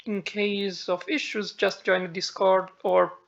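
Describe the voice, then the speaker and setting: A woman with a heavy Italian accent walking through a software tutorial, thinking aloud and correcting herself as she goes. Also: mid-range voice, little pitch movement, a little slow, gravelly. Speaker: tutorial maker. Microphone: phone. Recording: dull lo-fi phone-mic recording.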